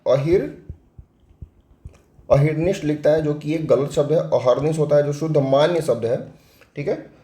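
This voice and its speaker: A man's voice: on the high side, mellow, reverberant. A man teaching a spelling lesson for exam prep. He explains step by step with a Hindi accent, asking questions and answering them himself.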